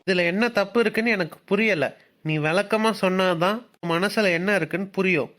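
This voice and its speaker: A woman voicing a calm, teasing young husband who keeps questioning his wife in a cartoon serial. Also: mid-range voice, fairly quick, natural voice. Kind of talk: Tamil cartoon serial voice acting.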